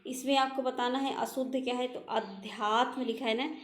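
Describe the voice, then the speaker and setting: Hindi teacher quizzing spelling in an echoey room. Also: female voice, sits high, flat delivery, moderate pace. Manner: explains each answer, repeating words and quizzing with rhetorical questions. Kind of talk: exam-prep spelling lesson.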